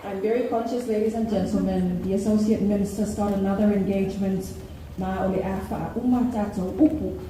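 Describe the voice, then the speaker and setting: A woman with a Samoan accent makes a formal address in a mellow, mid-pitched voice. She sounds distant in a hugely reverberant hall with faint noise. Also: fairly even intonation, fairly quick. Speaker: event speaker. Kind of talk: formal address mixing two languages.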